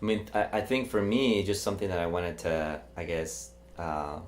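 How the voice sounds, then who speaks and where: Deep-voiced man, chatty. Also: normal speed, a little hiss or hum. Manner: laughs often, hesitant fillers, reflective. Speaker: podcast co-host. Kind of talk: casual podcast chat.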